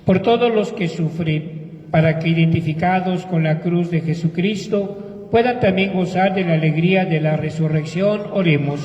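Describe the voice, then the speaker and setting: High male reader in cathedral echo. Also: moderate pace, a little mellow. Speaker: reader of the prayers of the faithful. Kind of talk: read liturgical petitions. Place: large reverberant church. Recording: muffled, echoey church, distant microphone.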